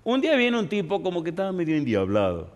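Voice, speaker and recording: A pastor preaching in a church with a fairly high voice, and long reverb trails off his words. He tells stories with energy and keeps throwing rhetorical questions at the congregation. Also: fast talker. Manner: animated storytelling, repeated rhetorical questions. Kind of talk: sermon.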